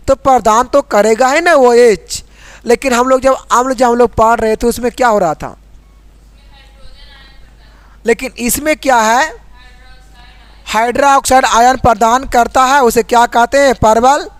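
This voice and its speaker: A man teaching a school chemistry lesson, asking the class questions and answering them himself, and reading chemical formulas out slowly letter by letter. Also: very high voice, clear, resonant tone, no room sound. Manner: repeats questions and drills answers.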